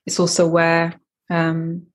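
With a fairly low pitch and an entirely flat delivery, a woman from Eritrea who started a coffee company takes interview questions. She answers in a measured way, with frequent fillers and restarts.

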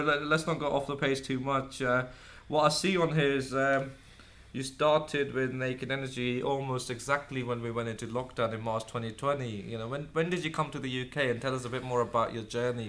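A man's voice: mid-range voice, a bit bright. A man hosts an interview and asks conversational questions that wander a little before getting to the point. He is recorded in an office. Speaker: interview host. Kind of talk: interview hosting. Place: office in London.

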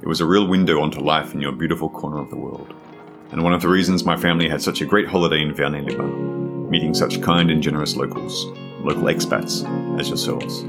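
A man with a very deep voice hosts a podcast and signs off in a measured, friendly tone. Plucked guitar music plays behind him. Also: steady tone, creaky. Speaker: podcast host. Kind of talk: conversational podcast interview and scripted outro.

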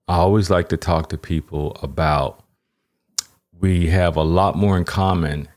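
Male podcast host, deep low voice, rambling questions, repeats himself. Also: steady tone, a little slow, a little mellow. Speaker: podcast host and Navy chaplain. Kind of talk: casual interview talk.

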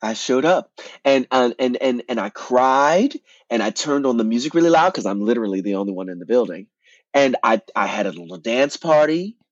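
A man, an actor and playwright, telling his story as an interview guest in an animated way, often repeating words and restarting. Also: mid-range voice, brisk, dry recording, dull audio.

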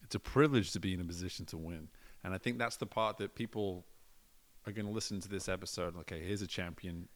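A man hosting a podcast interview, asking measured, reflective questions. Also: deep voice. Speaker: podcast host.

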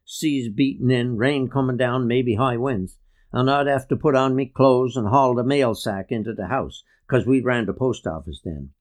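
Brief: male reader voicing old outport woodsman, relaxed yarning delivery. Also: mid-range voice, moderate pace, natural voice. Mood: reminiscing. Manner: easygoing storytelling.

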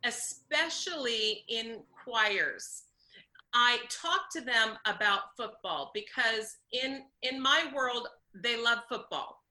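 A woman's voice: on the high side, expressive, takes it slowly, sharp tone. A woman voice coach answering interview questions, explaining technique and demonstrating sounds as she goes. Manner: instructive, demonstrates vocal sounds.

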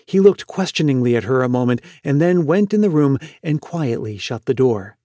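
A man hosting a podcast and narrating a classic story in a slow, expressive way. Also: medium pitch, no room sound, studio quality. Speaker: podcast host reading a story.

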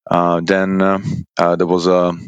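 Deep-voiced male guest. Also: completely flat delivery, clear, resonant tone, no echo. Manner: halting, many fillers and restarts. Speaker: guest, procurement department lead. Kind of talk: interview answers.

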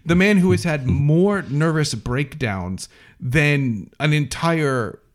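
Sarcastic man with a lively voice. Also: on the high side, slow pace. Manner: dry, sarcastic recapping. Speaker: podcast co-host. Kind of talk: casual chat.

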